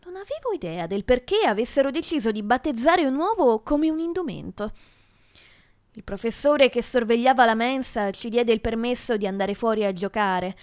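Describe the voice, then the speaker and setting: A woman reading a children's book aloud in an expressive storytelling style for her podcast. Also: a little high, dry recording, clean studio sound. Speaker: podcast reader.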